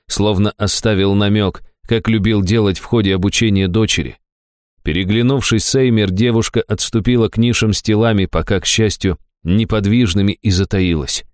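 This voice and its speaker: A man narrating a fantasy audiobook in a very deep, low voice. His tone is smooth and resonant, and the recording is dry and close. He reads at a measured, even pace. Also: dry recording.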